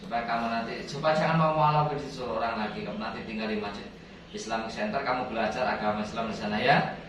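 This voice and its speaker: A man's voice: mid-range voice, fairly even intonation, quick pace, a bit bright, a little hiss or hum. Brief: male healer, commanding and coaxing, chants verses; distant mic in a very echoey room. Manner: commanding and coaxing, addressing an unseen spirit. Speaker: ruqyah healer. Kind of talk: spiritual healing session, chanting verses.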